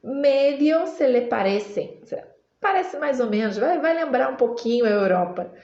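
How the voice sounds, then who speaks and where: A woman's voice: high voice, lively intonation, a little mellow, roomy sound. Woman teacher, native Portuguese speaker, walks through lyrics patiently, slightly dull sound. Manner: patient, repeats words slowly for practice. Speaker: Spanish teacher. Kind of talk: explaining song lyrics in a language lesson.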